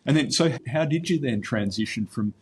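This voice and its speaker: A man hosting an interview, asking halting questions and repeating words as he works his way toward the point. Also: mid-range voice, lively intonation, husky. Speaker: podcast host.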